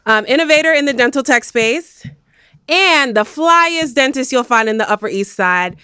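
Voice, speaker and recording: A woman's voice: high-pitched, animated, moderate pace, sharp tone, clean tone, dry recording, clean studio sound. A bubbly, playful woman in her thirties hosting a casual interview podcast. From United States. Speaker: podcast host.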